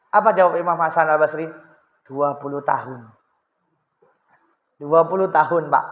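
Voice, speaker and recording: Man, mosque sermon, lively direct address, muffled recording. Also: on the high side, long reverb tail. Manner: chatty, animated, addresses listeners directly. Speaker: preacher. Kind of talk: sermon with storytelling. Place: mosque hall.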